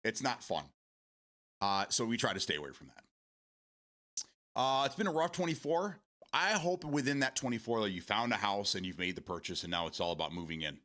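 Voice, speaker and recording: A man's voice: on the low side, lively intonation, a little fast, pushed and bright. A man in his forties hosting a casual morning stream, rambling, repeating words and swearing casually as he answers viewer comments. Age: 40s.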